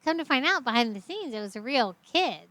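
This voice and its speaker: A middle-aged woman co-hosting a casual film review podcast, relaxed and agreeable, laughing easily. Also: high-pitched, fairly quick, a crowd in the background. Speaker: podcast co-host.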